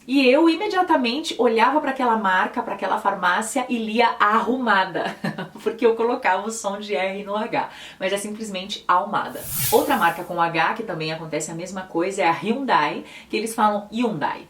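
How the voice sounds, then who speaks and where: A woman's voice: mid-range voice, fairly quick, fairly bright tone, slight background noise. A young woman with a São Paulo Brazilian accent, chatting casually as she explains pronunciations in a lesson. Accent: São Paulo Brazilian Portuguese. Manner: chatty, patiently spelling out pronunciations. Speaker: Spanish teacher and video host. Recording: roomy echo, mic a bit distant.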